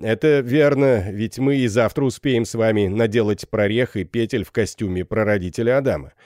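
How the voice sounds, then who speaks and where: A man voicing a boastful, hot-headed young army captain in an audiobook, swaggering and quick to shout. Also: lowish voice, dry recording, clean studio sound, natural voice. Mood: jaunty. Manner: swaggering, bursts into shouting anger.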